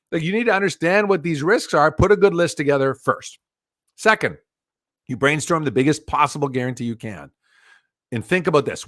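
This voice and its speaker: A middle-aged man giving a live virtual business talk over a video call, telling stories with lively acted-out quotes. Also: on the high side, no echo, clean studio sound. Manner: animated storytelling, acts out quoted voices. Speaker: business speaker.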